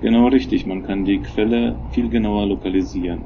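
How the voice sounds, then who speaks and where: A man, a technical coordinator, explaining his work in an interview and hesitating with many filler sounds. His voice comes through a low-quality stream with degraded sound. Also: fairly even intonation, fairly quick, gravelly. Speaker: technical coordinator of a telescope project. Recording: dull, lo-fi, noisy remote recording.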